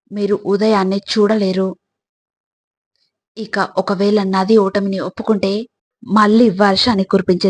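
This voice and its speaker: In a medium-pitched voice, a woman reads scripted motivational narration. Her delivery is deliberate and instructive, and she speaks straight to the listener.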